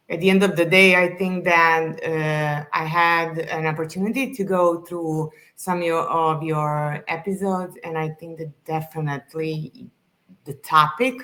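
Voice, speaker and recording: A woman's voice: sits low, sharp tone. A woman from Serbia, speaking as a podcast guest in earnest, casual conversation, often restarting as she searches for words.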